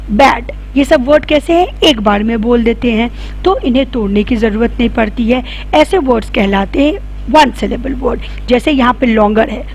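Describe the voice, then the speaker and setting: A woman's voice: fairly high pitch, a little mellow, a little hiss or hum. A woman teaching a grammar lesson. She asks questions and answers them herself, and spells words out letter by letter.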